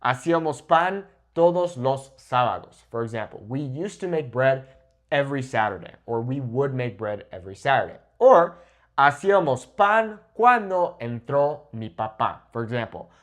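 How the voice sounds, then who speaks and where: Speaking at normal speed in an expressive, mid-range voice, this thirty-something Spanish teacher delivers an instructional lesson to camera, alternating English and Spanish examples. His manner is emphatic and didactic, with frequent check-ins with the viewer. The setting is indoors before a whiteboard, and a lapel mic on his shirt picks him up.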